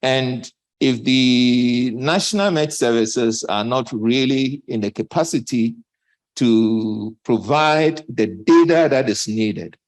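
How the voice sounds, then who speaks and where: A man speaking as a panelist at a conference, a bit out of breath, halting with many fillers. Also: mid-range voice, low-quality recording. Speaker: panelist from a development bank.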